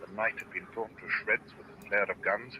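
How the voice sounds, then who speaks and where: An actor in a vintage radio drama playing a stern naval captain who narrates a sea battle in a grave, measured way. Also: male voice, lowish voice, steady tone, muffled recording, natural voice. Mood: grave recounting. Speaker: ship's captain narrating in first person. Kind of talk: 1950s radio drama acting. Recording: noisy old radio broadcast.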